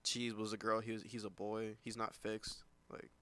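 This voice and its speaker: A man's voice: fairly low pitch, monotone, normal speed, a bit bright, no room sound. A young man talks loosely on a podcast, circling his point with constant fillers. He laughs often as he tells stories in a casual chat. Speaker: podcast co-host.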